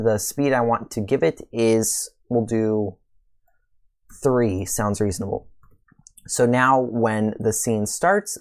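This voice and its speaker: A man hosting a screen-recorded coding tutorial, talking casually through each step, his voice a little worn. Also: lowish voice. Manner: casual, relaxed walkthrough with fillers and pleased exclamations. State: slightly losing his voice. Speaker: tutorial host.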